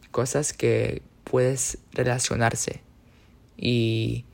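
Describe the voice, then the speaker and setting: A man's voice: medium pitch, creaky. A young man from the United States speaking casually about his own experience, hesitant, with many fillers and self-corrections. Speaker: speaker sharing personal experience. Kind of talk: casual personal talk.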